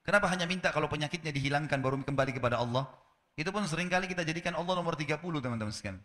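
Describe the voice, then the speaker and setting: A male preacher with a bright, higher-pitched voice tells a story in his sermon. He acts out the dialogue and turns to his listeners with rhetorical questions. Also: racing, big-room sound. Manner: animated storytelling, acting out dialogue with rising pitch.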